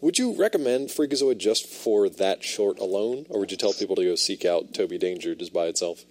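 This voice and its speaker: A man's voice: low-pitched, animated, a little fast, darkish tone. A man hosting a casual podcast, enthusiastic as he explains what he has looked up. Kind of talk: casual chat.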